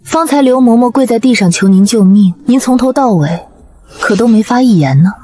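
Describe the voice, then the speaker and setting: A woman's voice: a little high, expressive, brisk, mellow, close to an everyday voice. An actress playing a cunning young noblewoman who narrates her own revenge, cool, mocking and composed. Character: cunning young noble daughter, calm and vengeful. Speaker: narrator and lead. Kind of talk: period short drama acting with narration.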